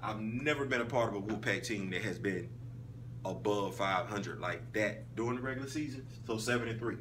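A man in his thirties recaps a casual flag football league in a fairly quick monologue, emphatic and swinging between loud call-outs and quiet asides. He films in a small indoor room in front of a wall poster, with a phone camera at arm's length that gives slightly distant audio and a faint hum.

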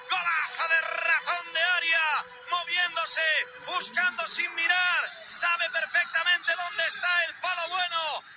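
A man with an accent from Spain shouting breakneck goal commentary on football radio, with stretched, repeated cries and emphatic repetition. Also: very high voice. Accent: Spanish, from Spain.

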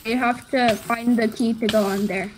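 A woman's voice: fairly high pitch, steady tone, moderate pace, background noise. A woman chatting casually as she guides another player through a game map. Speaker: map maker guiding a player. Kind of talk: casual gameplay chat.

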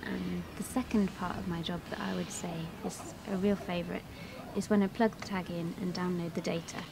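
A woman's voice: medium pitch, dark tone. A woman in her thirties, a scientist explaining her field work in an outdoor interview. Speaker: seabird scientist being interviewed. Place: open grassy coast, outdoors. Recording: clear background noise outdoors.

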